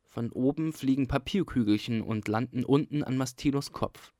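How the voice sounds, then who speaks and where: Man calmly reading a novel bit on the radio, dry close sound. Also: mid-range voice, normal speed, no room sound. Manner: calm storyteller. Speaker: reader.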